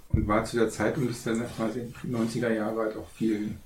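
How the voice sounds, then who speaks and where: A man from the outskirts of Berlin speaks in a halting, low-key way in a casual roundtable. His voice sounds roomy, with faint noise behind it. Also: level tone, darkish tone. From outskirts of Berlin, Germany. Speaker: discussion guest.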